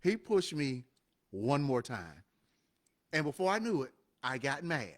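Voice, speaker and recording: A man co-hosting a live show, telling stories in an animated, emphatic, motivational way. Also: medium pitch, unhurried. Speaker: co-host of a live show and podcast. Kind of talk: motivational casual talk.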